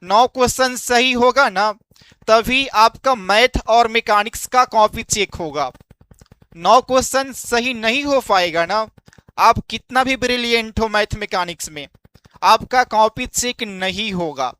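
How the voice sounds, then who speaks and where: A man's voice: sits high, unhurried, pushed and bright, clear, resonant tone, no echo. A man teaching an exam-prep lesson, explaining step by step and asking quiz-style questions that he then answers himself.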